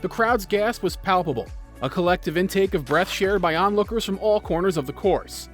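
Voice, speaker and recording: Casting: male narrator, notably high voice, dramatic scripted storytelling for video, music underneath. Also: animated, moderate pace.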